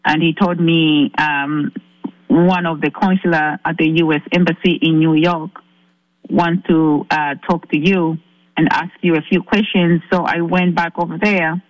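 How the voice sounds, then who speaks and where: A woman from Zambia calling in to a talk show, earnestly telling her story with halting restarts. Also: deep voice, steady tone, no room sound, highs cut off. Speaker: caller. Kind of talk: recounting a personal ordeal on a call-in show.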